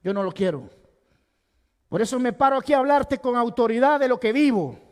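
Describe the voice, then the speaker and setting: A male pastor preaching a sermon with passion, swinging from loud emphasis to hushed tones. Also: very high-pitched, expressive, brisk, smooth. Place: church sanctuary. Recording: long hall reverb.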